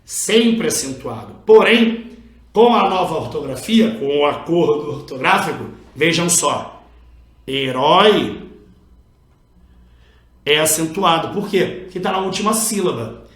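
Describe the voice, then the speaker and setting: A man's voice: fairly high pitch, lively intonation, moderate pace, fairly bright tone, reverberant. A man with a Brazilian accent teaching an online Portuguese exam-prep lesson, explaining step by step, pointing things out and stretching out key syllables. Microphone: recorded over a drawing screen, writing with a pen.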